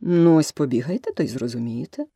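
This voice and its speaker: A self-important male dodo from a storybook speaks with slow, weighty solemnity, as a woman reads him. The voice sits low and husky. The recording is close and dry. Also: big pitch swings, dark tone, dry recording, full character voice.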